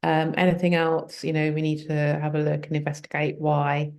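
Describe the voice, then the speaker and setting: Brief: woman guest, deep voice with vocal fry, chatty explainer. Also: monotone, normal speed, a little mellow. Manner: explanatory, many fillers, laughs easily. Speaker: guest health coach. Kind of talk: conversational interview.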